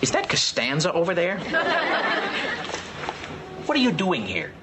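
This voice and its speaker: A man's voice: on the high side, wildly swooping pitch, measured pace, over a noisy crowd, heavy background noise. An actor playing a smug male office boss in a sitcom, teasing and mocking. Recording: sitcom clip with laughing audience.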